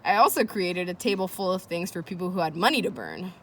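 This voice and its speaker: Speaking directly to young listeners, a female read-aloud host works through a children's chapter book, chatting and tossing in questions and commentary to keep them engaged. Her voice is on the low side and a little quick, with slight background noise.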